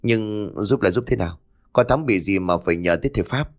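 A man voicing a frantic, worried middle-aged mother who pleads in a raised, shrill voice. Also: animated, fairly quick. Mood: anxious.

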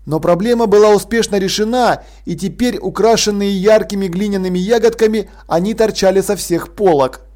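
Guy narrating a novel aloud, high-ish voice, calm steady storytelling. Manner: measured storytelling. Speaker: audiobook narrator. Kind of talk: scripted narration.

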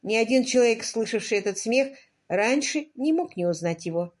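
A woman reading a romance novel aloud as an audiobook narrator, in expressive scripted narration. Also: a little high, moderate pace.

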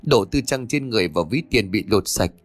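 A man's voice: fairly low pitch, expressive, brisk, dry recording, soft background music. A man narrator voicing a frantic, grieving elderly mother who wails and pleads. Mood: fearful. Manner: wailing, pleading.

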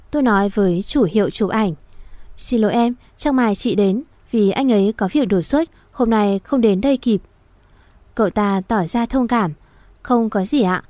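Woman reading a story, mellow voice. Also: medium pitch, no echo. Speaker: narrator. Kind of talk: first-person audio story reading.

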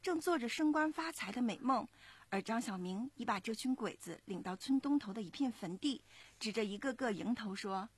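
Mom in her 30s reading a kids story aloud, kinda husky, dry close sound. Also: on the high side, dry recording. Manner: expressive, measured storytelling. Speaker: parent storyteller. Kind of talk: storybook narration for children.

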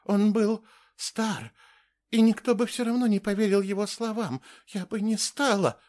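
A man reading an audiobook and voicing a shrill, defensive middle-aged woman who runs an orphanage, shrieking at times and pleading at others. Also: animated, unhurried. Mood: plaintive. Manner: shrieking, then plaintive and trembling. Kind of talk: audiobook character voice.

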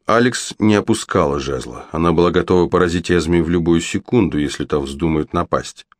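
A man narrating an audiobook in steady scripted storytelling. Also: deep voice, fairly quick, dry recording, clean studio sound.

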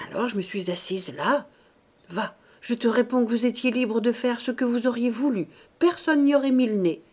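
A woman's voice: fairly high pitch, normal speed, darkish tone, breathy edge, voice pushed up. A woman voicing a stubborn, doting old mother.

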